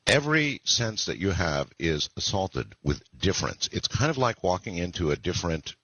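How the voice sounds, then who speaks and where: A man in his sixties hosting a late-night call-in radio show, talking in a relaxed, rambling way with many pauses. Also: deep voice, slightly rough, dry recording. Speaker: radio talk show host. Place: broadcasting from the Philippines. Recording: dull lo-fi radio broadcast sound.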